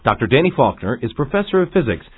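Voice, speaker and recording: A man with a husky voice reading scripted documentary narration. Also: medium pitch, sing-song, fast. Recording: narrow phone-like sound.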